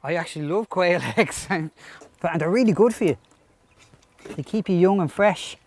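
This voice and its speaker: A man's voice: high-pitched, normal speed, darkish tone. A man casually giving an enthusiastic, chatty tour of his animal collection, laughing often.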